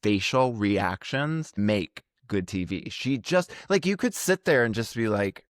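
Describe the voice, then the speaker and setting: A man co-hosting a casual, chatty TV recap podcast, talking in an animated way and laughing often. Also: on the low side, a little slow, no room sound, clean studio sound. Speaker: podcast co-host. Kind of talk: casual reality TV recap chat.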